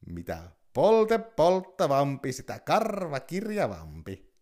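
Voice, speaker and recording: A man's voice: fairly high pitch, wildly swooping pitch, darkish tone, pitched above the performer's own voice. A man voicing a sly fox in a storybook reading, with a coaxing, mocking manner.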